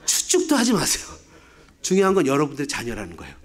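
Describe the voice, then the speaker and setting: A man's voice: mid-range voice, wildly swooping pitch, fast talker. A man in his fifties, a pastor, preaching a sermon with rhetorical questions and humorous asides. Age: 50s.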